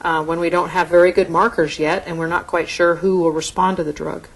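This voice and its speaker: Middle-aged woman, physician lecturer; conversational explanatory delivery, slightly low pitch. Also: level tone, a little fast, low-quality recording. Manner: explanatory, conversational, occasional restarts. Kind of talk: medical lecture to an audience.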